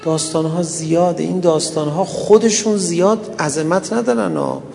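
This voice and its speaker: A man's voice: on the high side, vocal fry, a little mellow, big-room sound, faint music behind. A man preaching a sermon and retelling stories, tender at first and rising into mournful lament. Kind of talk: religious sermon with storytelling and lament.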